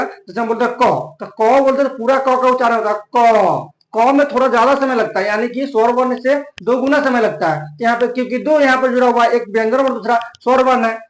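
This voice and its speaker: A man's voice: extremely high pitch, reverberant, low-quality recording. A young man teaching an online grammar lesson, explaining step by step and repeating points often.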